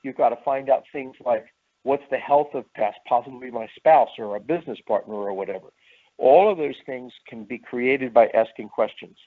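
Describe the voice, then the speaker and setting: A man runs a sales training session and talks it through in a steady lecturing way. He often repeats himself and slows down to spell out lists of words. His voice comes through a narrow, tinny line, as if heard over a phone call. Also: mid-range voice. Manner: repetitive, lecturing, pauses to list words slowly. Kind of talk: training presentation.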